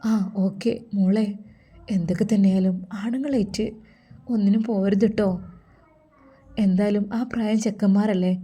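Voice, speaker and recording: A woman's voice: medium pitch, mellow, natural voice. A woman voicing an earnest, protective middle-aged mother, pleading and warning in a storybook.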